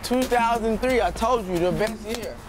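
A man's voice: high voice, normal speed, music in the background. A young man playing a joking car salesman on an outdoor lot. He teases customers in slang and laughs a lot. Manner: laid-back, laughing, teasing slang. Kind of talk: playful comedic banter.

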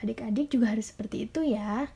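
Soft husky Sunday school teacher woman. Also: on the high side. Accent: Indonesian. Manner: sing-song, coaxing, drawn-out children's storyteller. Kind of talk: storytelling to small children.

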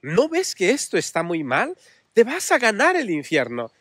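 A man puts on a frightened young girl crying out for help, her voice climbing high and strained as she begs. The pitch swings widely from word to word, and the recording is dry and close. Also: huge pitch swings, moderate pace, sharp tone, husky, dry recording, exaggerated voice. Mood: desperate pleading.

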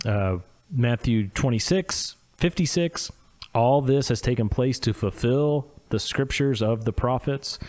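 A man's voice: medium pitch, darkish tone. A man with a Midwestern accent co-hosting a theology discussion podcast and reading quotations aloud with small asides. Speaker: podcast co-host.

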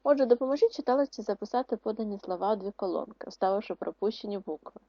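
A woman teacher giving a video lesson to schoolchildren, dictating words slowly and explaining rules in a clear, instructive way. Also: medium pitch, dark tone, no echo. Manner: slow, syllable-by-syllable dictation of words. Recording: dry, muffled lo-fi recording.

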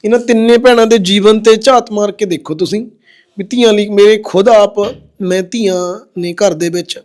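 A man with a fairly high voice speaks gently and consolingly. He repeats his phrases and asks viewers for help, filmed on location at a rundown house. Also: moderate pace. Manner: gentle, consoling, repeats himself, says "ji" often. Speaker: social welfare video host. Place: indoors and outside a rundown house.

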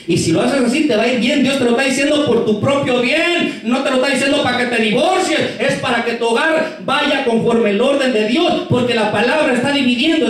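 A man's voice: very high voice, fairly bright tone. A male pastor preaching a fervent sermon, calling out to the congregation again and again. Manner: fervent, repeatedly calling out "hermano". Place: church. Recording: echoey church from far off.

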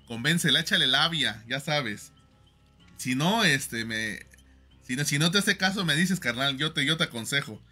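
Man, Mexican accent, young adult, streamer, slangy joking advice, bright forceful voice, somewhat high, faint music behind. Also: lively intonation, measured pace, long pauses, husky. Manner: joking, slangy, lots of fillers. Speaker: livestream host. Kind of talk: casual chat, joking advice to viewers.

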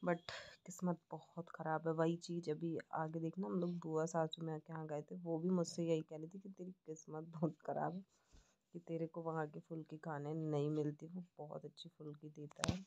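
A woman's voice: low voice, little pitch movement, normal speed, dark tone, lo-fi sound. A woman in her thirties chatting cheerfully to viewers in a casual daily vlog. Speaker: vlogger.

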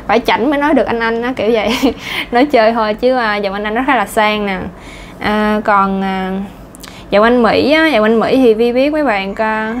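An English pronunciation teacher with a Southern Vietnamese accent speaks in a voice on the high side, keeping her lesson talk casual and chatty. She uses lots of fillers and lets out small laughs, and a little background noise can be heard.

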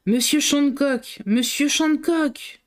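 A woman voicing a humble, eager male museum guard who shouts with loud, drawn-out exclamations. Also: medium pitch, close to an everyday voice. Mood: excited.

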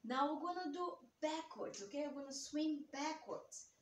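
A woman's voice: high voice, expressive, normal speed. A middle-aged woman as an aerobics instructor leading a workout, calling out counts and short, simple, encouraging cues. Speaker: exercise instructor for children. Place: indoor room with bare wall and wooden floor. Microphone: camera a few metres away. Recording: roomy echo, distant mic, background noise.

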